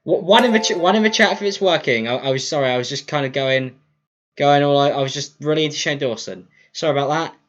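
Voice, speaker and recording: On a livestream, a man with a slightly high, fairly bright voice talks quickly and casually, rambling, apologizing, and tripping over words. The cheap streaming mic sounds dull and lo-fi, with faint music and slight background noise.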